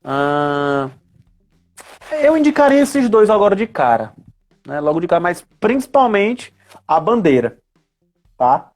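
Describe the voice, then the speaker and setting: A man with a Brazilian accent, a guest expert on tabletop role-playing games, talks in a high-pitched, very animated voice during a casual live chat. He's unhurried and pauses often, explaining didactically with frequent tag questions.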